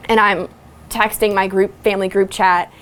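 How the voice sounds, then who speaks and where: Soft-spoken young woman recounting, halting. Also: medium pitch, flat delivery, a little hiss or hum. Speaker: interviewee, daughter of a victim. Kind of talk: documentary interview.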